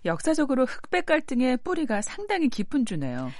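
A woman hosting a live radio show, chatting and prompting in a lively, conversational way. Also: high voice, fairly quick, dry recording, studio quality. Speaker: radio host.

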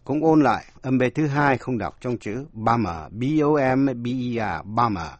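A man's voice: medium pitch, animated, normal speed, no echo. A man giving a scripted radio language lesson, explaining word meanings and spelling words out letter by letter. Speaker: language teacher.

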